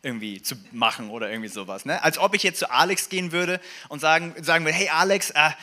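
A man with a bright, slightly high voice preaches a sermon at a church service. He talks in a loose, animated way, full of fillers and little jokes, and reads scripture passages aloud. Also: fast talker.

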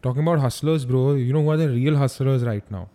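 A man's voice: mid-range voice, fast, dark tone. A young man with an Indian accent chatting casually, using slang and often repeating phrases for emphasis. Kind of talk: casual chat.

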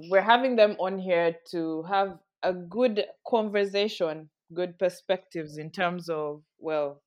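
A woman co-host opening the podcast in a loose, chatty way, her voice trailing softer at the ends of phrases. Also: on the low side. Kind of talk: casual chat.

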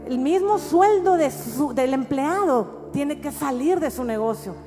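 High-voiced Mexican woman preaching in a hall. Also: measured pace. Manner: animated storytelling, rising to shouts. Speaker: pastor and prophet. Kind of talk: sermon testimony. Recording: reverberant hall with faint music.

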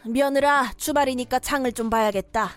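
Woman doing a bossy naggy mother-in-law, high voice, scolds nonstop, cartoon drama. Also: moderate pace, faint music behind, natural voice. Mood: nagging. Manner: scolding, domineering. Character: bossy nagging middle-aged mother-in-law. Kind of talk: dubbed cartoon story drama.

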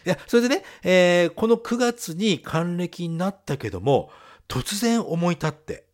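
Casting: man, podcast co-host, animated lilting delivery, laughs a lot. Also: high-pitched, measured pace. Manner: laughs often, animated storytelling. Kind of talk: casual chat.

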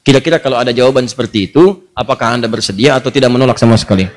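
A man preaching a storytelling sermon in a lively, playful way, often putting questions to the audience. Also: mid-range voice, very fast, noisy background.

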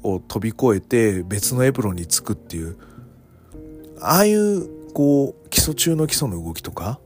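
Male podcast host, mid pitch, very animated delivery, casual monologue with faint music underneath. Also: moderate pace. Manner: animated, dramatic, swings between loud alarm and hushed whispers. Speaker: podcast host reviewing wrestling shows.

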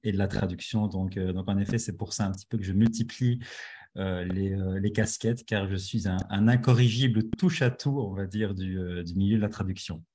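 A man's voice: sits low, brisk, dark tone. A man who is a guest on a podcast, answering politely and hesitantly with many fillers. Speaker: guest translator. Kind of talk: podcast interview.

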